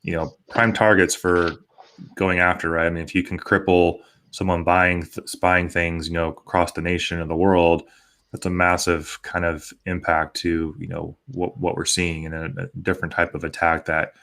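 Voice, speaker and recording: Deep-voiced American man, flat delivery. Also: normal speed. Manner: rambling, peppered with conversational tags. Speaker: podcast host. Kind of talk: casual panel discussion.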